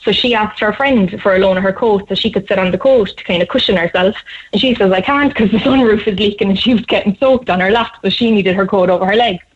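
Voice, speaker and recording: A young woman in her twenties with a Cork Irish accent, telling a story quickly and animatedly on a radio show, often laughing. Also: mid-range voice, slightly rough. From Cork, Ireland. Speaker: guest storyteller. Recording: slightly dull radio sound.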